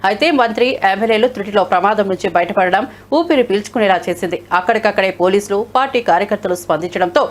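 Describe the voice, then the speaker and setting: A woman news anchor reading scripted bulletin items in a brisk, formal manner. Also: mid-range voice. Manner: brisk, formal newsreader delivery.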